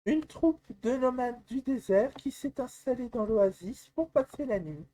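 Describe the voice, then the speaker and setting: A woman presenting a software tutorial, calmly explaining step by step with some hesitations. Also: on the high side, a little slow. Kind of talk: screen-recorded software tutorial.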